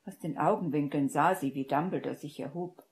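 Woman, audiobook narrator, steady measured reading, very low voice, dark mellow tone. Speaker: audiobook reader. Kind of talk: fan-fiction audiobook narration.

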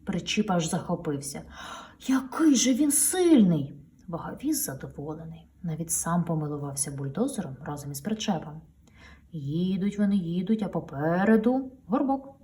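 A woman's voice: lowish voice, normal speed, mellow. A woman reading a children's picture book aloud to her daughter, with playful storytelling and sound effects, heard a little distant from the mic.

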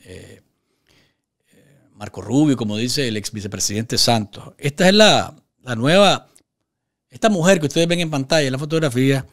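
A man's voice: medium pitch, expressive, fairly bright tone. Emphatic Nicaraguan man commenting on the news. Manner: emphatic, gestures with his hands, many filler pauses. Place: small TV studio set. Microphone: studio microphone on a desk stand.

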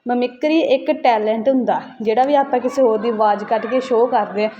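Fast-talking scolding woman. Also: a little high, fairly even intonation, mellow, dull audio, a little hiss or hum. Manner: scolding, lecturing, rapid-fire. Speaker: roast channel host. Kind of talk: roast video commentary.

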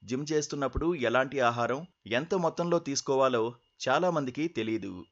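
A man's voice: mid-range voice, animated, brisk, dull audio. A man narrating a scripted news feature as voice-over.

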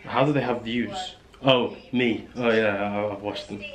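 A man's voice: lowish voice, steady tone, unhurried, a crowd in the background. A young man, rambling casually with slang and fillers in a small hotel room, filming on a handheld camera. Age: young adult. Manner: laid-back slangy rambling with repeated fillers. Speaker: vlogger. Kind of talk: casual vlog. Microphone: handheld camera at arm's length.

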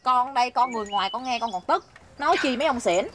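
Sharp-tongued young Southern Vietnamese village girl, played by a woman, gossipy. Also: a little high, animated, fast, background noise, natural voice. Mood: gossiping. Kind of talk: rural comedy film acting.

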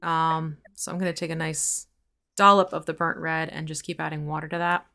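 A woman's voice: sits low, flat delivery, fairly quick, pushed and bright. A woman teaching mini painting on a live stream, explaining each step in a chatty way while she works. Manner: explains steps while working, chatty and laughing.

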